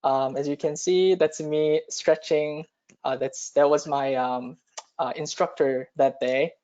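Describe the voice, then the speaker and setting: A man's voice: fairly high pitch, steady tone, takes it slowly, a little mellow. A man from South Korea teaching cadets over a video call, hesitant and full of ums and uhs. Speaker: cadet instructor. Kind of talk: online class lesson. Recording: muffled video call audio.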